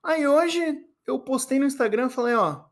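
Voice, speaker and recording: A man's voice: very high-pitched, expressive, moderate pace. A young Brazilian man with a Brazilian Portuguese accent, hosting a solo podcast and rambling in a playful, mock-solemn way while eating fruit. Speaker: podcast host.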